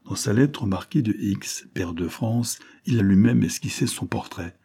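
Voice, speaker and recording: Narrateur masculin à la voix grave et voilée. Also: male voice, on the low side, normal speed, gravelly, mellow, breathy edge. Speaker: audiobook narrator. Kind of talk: reading a 19th-century novel aloud.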